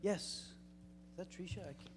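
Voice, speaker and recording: A male host running an audience question session, upbeat and brisk, in a large church hall. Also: high voice, over music. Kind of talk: hosting audience Q&A. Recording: reverberant hall with crowd noise.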